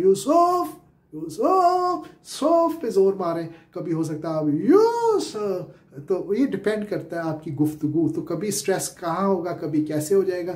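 A man's voice: fairly high pitch, dark tone, roomy sound. A Pakistani-accented man teaching spoken English as a lecture, explaining step by step with many filler sounds and repeated questions. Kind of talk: classroom-style lecture.

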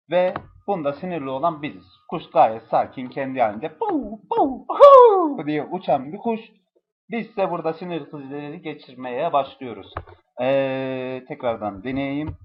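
A young man doing a profane, exasperated comedic review of a mobile game, cursing and yelling at it. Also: mid-range voice, highs cut off.

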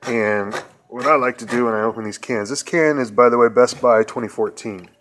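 Standing at his home kitchen counter, a middle-aged man talks fairly quickly in a medium-pitched voice, walking through a casual cooking video in a rambling, folksy way full of fillers. Loud clatter from pots, pans, and cans adds background noise.

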